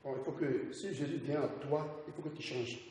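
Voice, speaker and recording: An insistent male guest on a religious talk show who keeps returning to the same point. His voice is soft and off-mic in an echoey room, with faint background noise. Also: fairly high pitch, steady tone, a little fast.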